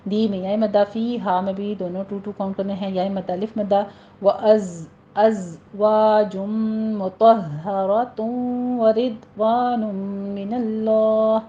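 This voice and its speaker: A woman teaching Quran recitation rules step by step, then reciting the example words slowly and drawn out. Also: medium pitch, muffled recording. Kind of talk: tajweed lesson with slow recited examples.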